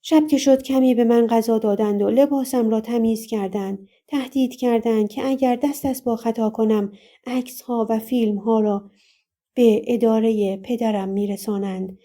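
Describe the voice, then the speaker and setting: A woman's voice: on the high side, fairly even intonation, warm tone, close to an everyday voice. A woman reading the part of a distraught young woman who reproaches herself and recounts what happened to her. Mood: subdued. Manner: pleading, self-reproaching.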